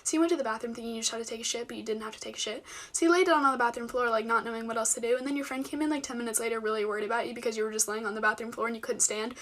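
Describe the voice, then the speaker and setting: A young woman telling a storytime in a rapid, blunt way with casual swearing. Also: a little high, fairly even intonation, fairly bright tone. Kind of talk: storytime video to camera.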